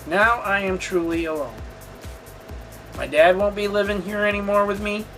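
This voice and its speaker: A storytelling vlogger and channel host with a notably high, slightly bright voice shares a personal story in casual vlog style. His tone stays steady while his delivery halts and rambles, candid and confessional, with music playing faintly behind him.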